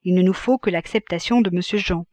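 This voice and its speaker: A woman reading the part of a calm, businesslike male notary in a grave, measured tone for an audiobook. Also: sits high, no room sound, natural voice.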